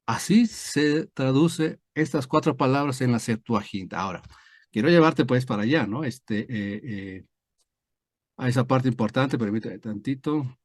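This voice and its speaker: A pastor teaching a Bible study over a video call, explaining step by step with many fillers and tag questions. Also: male voice, mid-range voice, a little slow, no echo, studio quality. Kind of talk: online screen-share Bible lesson.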